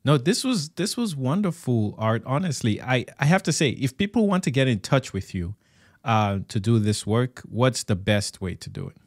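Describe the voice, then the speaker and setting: A man from Cameroon hosting a casual interview, talking in a thoughtful, halting way and laughing often. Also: medium pitch, big pitch swings, no room sound, studio quality. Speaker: podcast host.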